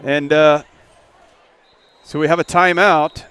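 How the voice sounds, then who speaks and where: A man doing play-by-play of a high school football game from a stadium press box, folksy and relaxed. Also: slow pace, smooth, no room sound. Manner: folksy, relaxed, rises when a play starts. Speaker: play-by-play announcer.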